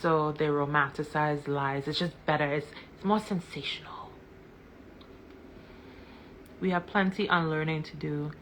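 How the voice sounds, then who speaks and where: A woman speaking to her live-stream viewers with passion, hammering her points home by repeating words and questions. Her voice sits a little low but comes across bright and forceful. She talks straight to her audience as a commentator. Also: steady tone, normal speed, slight background noise.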